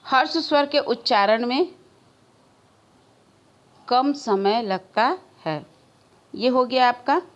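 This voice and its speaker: A woman teaching a school grammar lesson, speaking slowly and deliberately. Her voice sits a little high. She repeats key words for emphasis and answers her own questions for the class. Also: lo-fi sound.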